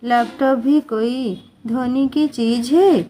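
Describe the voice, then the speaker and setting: Storybook part: exasperated middle-aged mother-in-law, read by a woman, fairly high and unhurried. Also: mellow. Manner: exasperated scolding.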